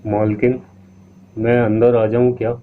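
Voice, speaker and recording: A man's voice: medium pitch, flat delivery, a little slow, lightly acted. A man voicing a fawning, sly female maid who coaxes and wheedles. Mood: coaxing. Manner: coaxing and wheedling. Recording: tinny lo-fi line with faint hiss.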